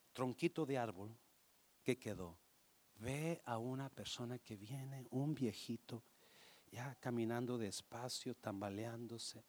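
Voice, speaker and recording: A man preaching a sermon and telling a parable, switching between Spanish and English, emphatic and sometimes hushed. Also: medium pitch, creaky, breathy edge. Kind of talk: sermon storytelling.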